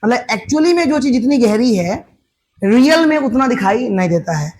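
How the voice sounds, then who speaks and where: A man's voice: very high voice, lively intonation, normal speed, darkish tone. A male teacher lecturing at a board, explaining step by step, asking questions and answering them himself, with terms.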